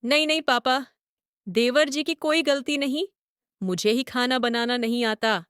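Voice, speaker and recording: A woman's voice: high voice, a little slow, a bit bright, clear, resonant tone. A woman voicing a young new bride in a cartoon story who cries at everything and speaks in a tearful, apologetic way.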